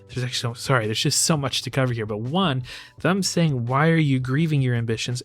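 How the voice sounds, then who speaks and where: A man hosting a lyric analysis show, talking through a song in a casual, musing way with lots of loose hedges. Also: medium pitch.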